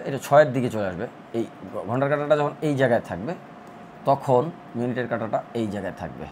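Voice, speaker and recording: A man's voice: fairly high pitch, slight background noise. A man teaching a recorded math lesson, explaining step by step and repeating counts in rhythmic lists. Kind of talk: online admission-prep math lesson.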